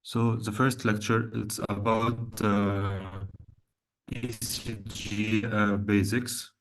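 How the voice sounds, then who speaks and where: A man's voice: fairly low pitch, level tone, drawn-out words. A man from Lebanon, a cardiologist, giving a methodical online medical lecture over slides, with frequent hesitant fillers.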